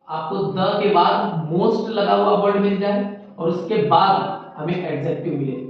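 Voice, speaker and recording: एक पुरुष अंग्रेज़ी शिक्षक जो अपने विद्यार्थियों को "बेटा" कहकर व्याकरण पढ़ाता है और उदाहरण धीरे-धीरे बोलकर लिखवाता है।. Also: male voice, sits high, heavy reverb, far from the mic, dull audio, slight background noise. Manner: addresses students as children, slow dictation of examples. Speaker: English teacher. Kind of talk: classroom grammar lesson.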